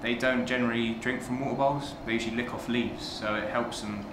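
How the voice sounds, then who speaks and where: A man's voice: mid-range voice, fairly even intonation, a little fast. A young man, an animal care worker, casually and a little hesitantly explaining his work in a small indoor room. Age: young adult. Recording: echoey room, loud equipment hum.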